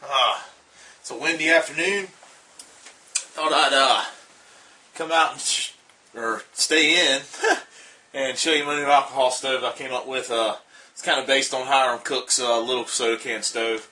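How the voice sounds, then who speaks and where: A man with a Southern US accent giving a casual how-to demonstration of a homemade stove, relaxed and rambling, with lots of uh and um fillers. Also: medium pitch, a little slow, pauses often. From Southern United States. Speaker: outdoor gear hobbyist demonstrating a stove.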